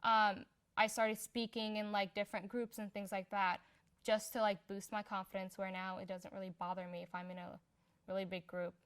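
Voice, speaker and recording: A woman's voice: mid-range voice, flat delivery, moderate pace, fairly bright tone. Young woman in a casual interview. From Somalia. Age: young adult. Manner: chatty and unpolished, heavy on filler words. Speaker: interviewee in a community profile.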